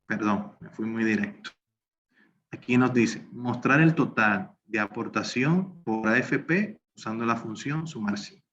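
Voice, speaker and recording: A man explains spreadsheet formulas step by step in a recorded online class. His voice sits in a middle pitch. The recording is slightly dull, with faint hiss behind it. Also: fairly bright tone. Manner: talks through steps while working on screen. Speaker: instructor.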